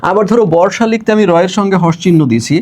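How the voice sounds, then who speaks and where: A young man from Bangladesh teaching an exam-prep lecture, explaining step by step and checking in with students, slowing and stretching words as he writes on the board. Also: high-pitched, a little mellow.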